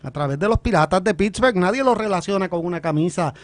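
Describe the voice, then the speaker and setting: A Puerto Rican man argues politics on a panel in long, emphatic runs. His voice is notably high, and the sound is close and dry, with no room around it. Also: lively intonation, fast, dry recording. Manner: argumentative, builds points at length, emphatic.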